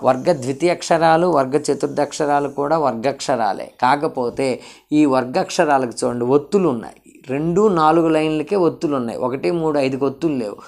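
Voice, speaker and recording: A man's voice: a little high, fairly quick, vocal fry, darkish tone. A man teaching an exam-prep grammar lesson, asking questions and answering them himself while drilling lists of letters. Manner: drills lists with shifting pace.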